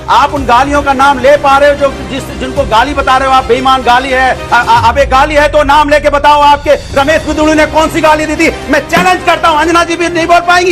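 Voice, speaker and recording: A man argues on a televised panel, combative and challenging, hammering the same point. His voice sits high, with music clearly laid beneath. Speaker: political panelist. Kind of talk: heated TV debate.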